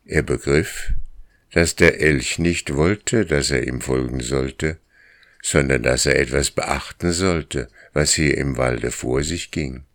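A man reading a story aloud as narrator, in a slow, measured storytelling manner. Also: a bass voice, a bit bright, dry recording, studio quality. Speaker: audiobook narrator. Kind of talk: scripted narration.

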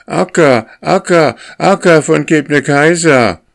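A man's voice: fairly high pitch, takes it slowly, gravelly, voice pushed up. A man voicing a flock of tired, hungry young goslings that cry out plaintively in a storybook reading. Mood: whining. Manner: plaintive, repeated cries.

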